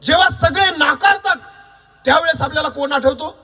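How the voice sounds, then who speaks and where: A man preaching a sermon, quizzing the congregation with repeated questions and building to shouts. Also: extremely high pitch, fairly quick, distant mic. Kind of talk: sermon with call-and-response.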